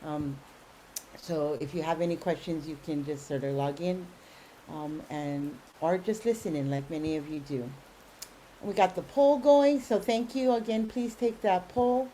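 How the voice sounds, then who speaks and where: A woman hosts an online grant webinar, talking through schedules and reminders with plenty of "um"s. Her voice is mellow and warm. A faint hiss sits under the call audio. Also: sits low, measured pace, low-quality recording. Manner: many fillers, friendly and informative.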